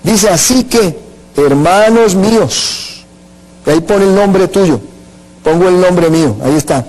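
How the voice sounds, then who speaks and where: Man, high-pitched voice, emphatic Pentecostal sermon, call-and-response with the congregation. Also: a little slow, a little mellow, rough recording. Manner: emphatic, prompts the congregation to repeat and answer. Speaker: pastor.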